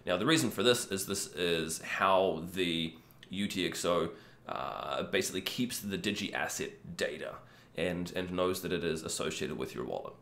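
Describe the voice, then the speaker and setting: A man in his thirties with a croaky, cold-affected voice, casually hosting a screen-share tutorial in an easygoing, informal way. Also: sits low, expressive, normal speed, a bit bright. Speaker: video host. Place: small room indoors. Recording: echoey untreated room.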